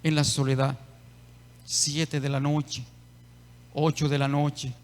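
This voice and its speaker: A man preaching a sermon as a pastor, telling personal testimony with emotional swells and quiet stretches. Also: on the high side, level tone, slow pace. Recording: long hall reverb.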